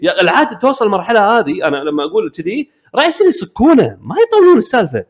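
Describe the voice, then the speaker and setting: A young man with a Kuwaiti Arabic accent tells stories on a casual podcast. His voice sits high and swings widely in pitch, and he talks quickly. He acts out the other people's lines as he goes. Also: husky. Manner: animated storyteller, acts out voices in quoted dialogue. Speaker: podcast co-host. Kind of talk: casual chat.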